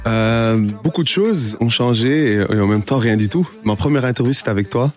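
A young man, a guest on a radio show, talking casually and relaxed, with many fillers and restarts. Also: mid-range voice, a little fast, faint music behind. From Italy. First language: Italian. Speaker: guest artist. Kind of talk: casual interview chat. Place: radio studio.

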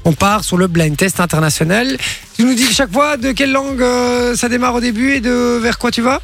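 A man hosting a radio show, quick and teasing, laughing often. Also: extremely high pitch, a bit bright, soft background music. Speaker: radio host. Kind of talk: lively radio banter. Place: radio studio.

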